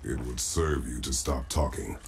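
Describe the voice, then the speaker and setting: A stern warrior father from a game. His voice is extremely deep and grinding with gravel, and he talks in short, cold commands. It sits under steady background noise. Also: normal speed. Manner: curt, clipped commands.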